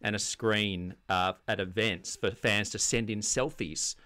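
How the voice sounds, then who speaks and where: A man with a broad Australian accent and a fairly low voice co-hosts a comedy show. His casual satirical banter is deadpan and mock-serious. The recording is dry and close. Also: measured pace, no echo. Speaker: comedy podcast co-host. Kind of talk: casual satirical banter about sports news.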